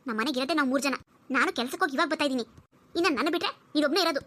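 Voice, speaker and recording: A sharp-tongued young working wife played by a woman scolds in a very high, bright voice. She speaks quickly, in cartoon voice acting. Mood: accusing.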